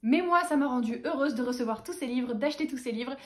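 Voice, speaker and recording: A woman's voice: high-pitched, fast talker. A young woman from France hosting a casual book haul chat, gushing with fan enthusiasm. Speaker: booktuber host.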